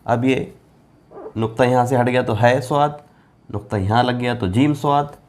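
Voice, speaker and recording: Guy teaching quran letters on a board, patient, says each letter name slow and repeats it, normal mid voice. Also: mid-range voice, a little mellow. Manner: patient, repetitive, drawing out letter names slowly. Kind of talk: board lesson explaining Arabic letters.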